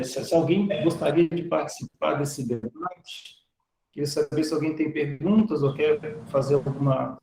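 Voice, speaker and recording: A man speaking over a video call in a slightly higher-than-usual voice, and the sound carries some room echo. He talks casually as a guest professor and tells stories in which he voices the people he quotes. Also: vocal fry, mellow. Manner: storytelling that acts out quoted voices. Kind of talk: conversational talk in an online live session.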